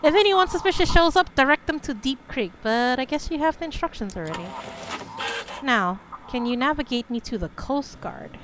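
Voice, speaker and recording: A woman reading a brisk coast guard officer giving a businesslike briefing, on a noisy recording. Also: high voice, expressive, pitched above the performer's own voice.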